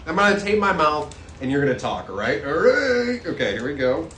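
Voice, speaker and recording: A man's voice: on the high side, sing-song, fast, sharp tone. A man ventriloquist in casual comic banter with his puppet. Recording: roomy echo with faint background noise.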